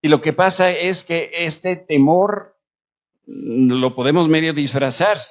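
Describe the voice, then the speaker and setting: Male pastor, sermon delivery, high pitch, rhetorical and shifting in volume. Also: slow. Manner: preaching with rhetorical questions and shifts between loud and quiet. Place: church.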